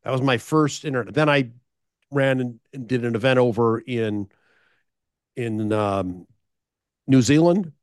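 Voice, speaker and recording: A man's voice: medium pitch, measured pace, pauses often, dry recording, clean studio sound. A middle-aged American man tells a story on a podcast, sharing business advice with listeners and often repeating and restarting his phrases.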